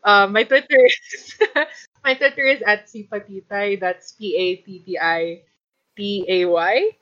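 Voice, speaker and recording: A woman's voice: medium pitch, fairly even intonation, a little slow, fairly bright tone, muffled recording. A woman guesting on a casual podcast, giggly and hesitant, full of fillers and Tagalog words. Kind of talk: casual chat.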